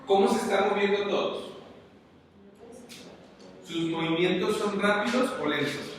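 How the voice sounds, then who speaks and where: A man's voice: high-pitched, a little slow, a crowd in the background. Mexican man lecturing in an echoey hall. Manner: conversational, asks the audience questions constantly. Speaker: conference speaker. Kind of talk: motivational lecture to an audience. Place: large conference hall. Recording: very echoey hall, distant, faint noise.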